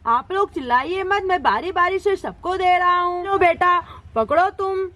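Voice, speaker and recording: A woman voicing a village street snack seller, calling out his wares in slow, sing-song cries in a doll-play story. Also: extremely high pitch, bright, forceful tone. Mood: patient. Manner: sing-song hawking calls, slow and drawn out.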